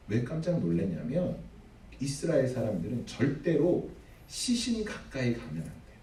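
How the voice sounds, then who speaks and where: A man's voice: on the high side, mellow. A man preaching a sermon as pastor, dramatic, acting out the figures he quotes. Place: church sanctuary. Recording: echoey hall, mic at a distance.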